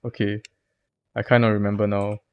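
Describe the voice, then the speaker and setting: A man's voice: on the low side, level tone, normal speed, clear, resonant tone, muffled recording. A young man with a Singaporean accent, chatting casually with viewers on a live stream in loose, slangy phrasing.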